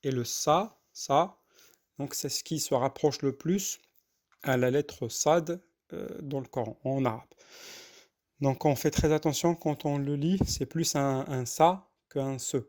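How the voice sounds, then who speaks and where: A man teaching how to read and recite, explaining pronunciation patiently and repeating sounds slowly, with frequent hesitations. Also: mid-range voice, a little mellow. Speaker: Quran reading teacher. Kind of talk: spoken lesson with recitation.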